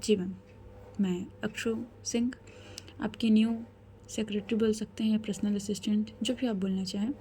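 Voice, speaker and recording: A woman's voice: mid-range voice, fairly even intonation, normal speed, dark tone, slight background noise, natural voice. A woman storyteller voicing a blunt, cheerful young woman friend who becomes a new assistant. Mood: cheeky.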